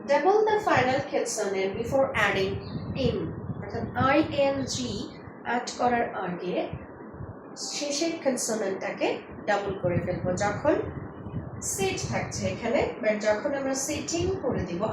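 A woman teaches phonics at a slow, careful pace and sets out example words one by one. Her voice sits fairly high. The room echoes, and a clear noise runs underneath. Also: expressive. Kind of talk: explanatory lesson.

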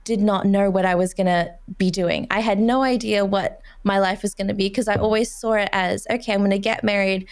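A young woman in her twenties hosting a podcast interview into a studio boom mic, speaking in an open, personal, conversational way. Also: steady tone, fairly quick, hardly any pauses, smooth. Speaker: podcast host. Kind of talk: casual interview chat. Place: small studio room. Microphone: studio mic on boom arm with headphones.

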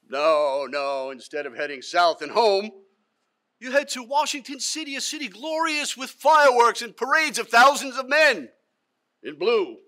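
An older man playing an aggrieved man in a theatrical dramatic monologue, reproaching someone with emphatic, accusing questions and deliberate pauses. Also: sits high, pushed and bright, heavily acted. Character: aggrieved man reproaching a former Confederate officer, accusing, sorrowful. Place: theatre stage, indoors.

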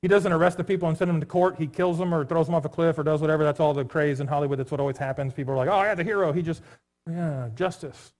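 A man with a light, higher voice preaches a sermon in a church. His delivery is loose and conversational, full of jokes and asides to the people in the pews. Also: little pitch movement, rapid-fire, hardly any pauses, a little mellow. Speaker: pastor. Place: church sanctuary.

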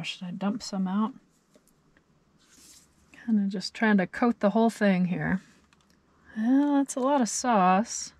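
A van camping vlogger in her thirties talks in a mid-range, slightly mellow voice, recorded with no room sound by a camera mounted in the van. Cooking inside her parked minivan camper, she's chatty and cheerful, thinking aloud throughout this casual cooking vlog.

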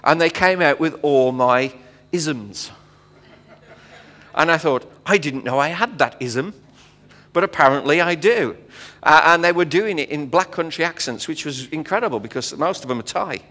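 A fairly high, bright and forceful male voice, animated and at a moderate pace, belongs to a middle-aged visiting pastor from England. He preaches a sermon on a church hall stage before an audience, chatting, joking and using many fillers. There's long hall reverb on the audio.

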